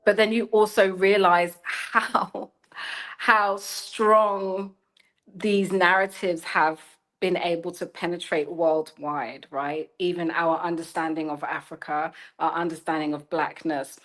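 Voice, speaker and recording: A woman's voice: fairly low pitch, fairly even intonation, slow, a bit bright. A woman in her thirties, a journalist, speaks reflectively in an interview, searching for words and often saying "you know" as she goes. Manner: thoughtful, searching, with frequent "you know" and restarts. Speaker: guest, journalist and storyteller. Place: lives in China.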